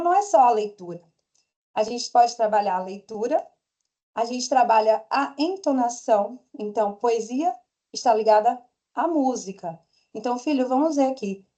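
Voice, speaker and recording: A woman with a Brazilian Portuguese accent gives a conference talk on home study. Her voice sits a little high and sounds mellow and warm, never sharp. She explains in a calm, conversational way and often checks in with her listeners. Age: adult parent. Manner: conversational, gentle explaining with frequent tag questions. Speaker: homeschool teacher.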